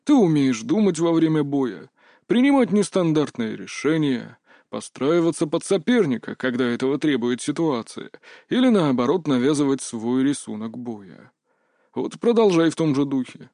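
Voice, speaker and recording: A man doing a stern, gruff old grandfather. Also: on the high side, very animated, moderate pace, mellow, no room sound, clean studio sound. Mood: instructive. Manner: firm, curt and instructive. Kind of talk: audiobook character voice.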